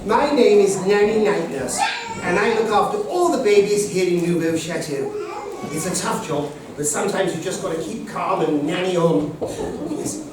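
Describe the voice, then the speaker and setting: A man's voice: high-pitched, moderate pace, background noise, close to an everyday voice. An actor playing a brash, man-hungry pantomime dame nanny, bantering bawdily with the audience, heard from far off in an echoey hall. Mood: cheeky. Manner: bawdy, flirty patter with the crowd. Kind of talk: amateur pantomime acting to the audience. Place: large hall with live audience.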